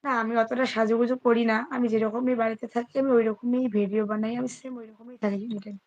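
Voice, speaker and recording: A woman talks softly into her phone during a late-night live stream from home, keeping her voice hushed so her sleeping child won't wake. Her voice sits a little high. The audio is muffled and lo-fi. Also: flat delivery, quick pace. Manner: speaks softly and hushed so her sleeping daughter stays asleep.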